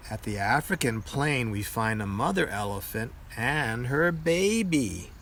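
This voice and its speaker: An older man with a grandpa voice reads a children's picture book aloud in a deliberate storytelling manner. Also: medium pitch, animated, fairly bright tone, slight background noise.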